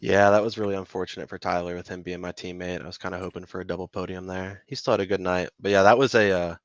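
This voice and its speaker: A man's voice: sits low, steady tone, fast, dry recording, dull audio. A man being interviewed after a race, laid-back and self-deprecating, often trailing off as he talks. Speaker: race driver guest.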